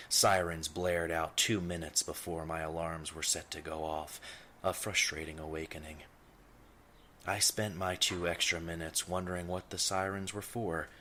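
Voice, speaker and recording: Playing a pompous, brooding ponderer, a man voices his character's thoughts in deadpan, wordy first-person script. His voice sits low, and there is slight background noise.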